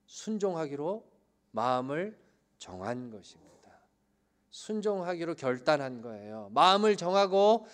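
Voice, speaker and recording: A man preaching a sermon as pastor. He swings between loud, emphatic peaks and quiet, low asides, and he keeps asking the congregation questions. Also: very animated, measured pace. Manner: asks the congregation questions and leads group reading.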